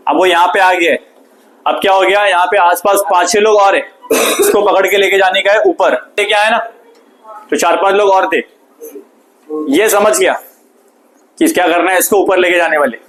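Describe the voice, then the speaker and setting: A man, teaching a physics lesson through an animated story and repeated questions to the class. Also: high-pitched, normal speed, long pauses, poor audio.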